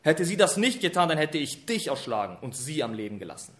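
A preacher reading the words of a stern angel with a drawn sword. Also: male voice, a little high, sing-song, brisk, voice pushed down. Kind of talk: reading scripture aloud.

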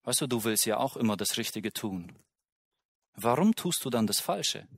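A man's voice: medium pitch, animated, moderate pace, vocal fry, breathy edge, dry recording, studio quality. A man preaching a sermon in an earnest way, often asking his listeners direct questions.

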